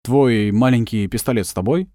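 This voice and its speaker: A man voicing a young male agent in his twenties who asks plain, earnest questions at an unhurried pace. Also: medium pitch, warm tone, no echo, clean studio sound, lightly acted. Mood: curious.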